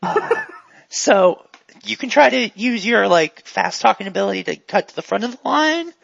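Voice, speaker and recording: A man running a tabletop role-playing game as game master, playful and jokey with quick asides. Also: sits high, expressive, gravelly, a bit bright, dry recording, dull audio.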